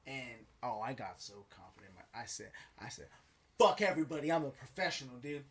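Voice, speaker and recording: A man's voice: mid-range voice, animated, fairly quick, a bit bright, breathy edge. A man chatting casually as a podcast co-host, slangy and swearing often, repeating phrases for emphasis. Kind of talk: casual chat.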